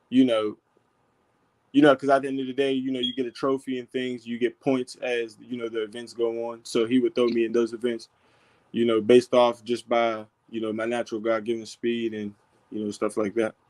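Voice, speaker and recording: A young man from Pittsburgh, a football player as guest, talking in a relaxed way full of fillers. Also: mid-range voice, moderate pace. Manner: relaxed, filler-heavy, lots of "you know". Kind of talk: casual interview.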